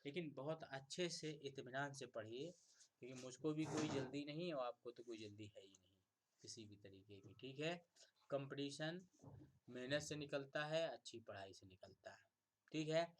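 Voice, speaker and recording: A man teaching an online electronics class, repeatedly asking questions and answering them himself, loud on key words and quiet on asides. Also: medium pitch, moderate pace, slight background noise. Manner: asks and answers his own questions, repetitive, coaxing; swings between loud emphasis and quiet asides.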